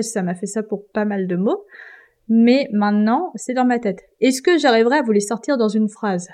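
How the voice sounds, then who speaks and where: A young woman from France talks casually on her solo podcast, chatty and self-deprecating, with a mellow, soft-edged tone. She hesitates often and pokes fun at herself as she goes. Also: mid-range voice. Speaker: podcast host.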